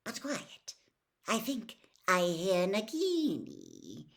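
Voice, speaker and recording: Woman voicing slow, sinister Lord Voldemort, wildly swooping. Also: on the low side, huge pitch swings, gravelly, heavily acted. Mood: menacing, imperious. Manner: slow, drawn-out, commanding delivery. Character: cold, menacing male dark lord, imperious and sinister.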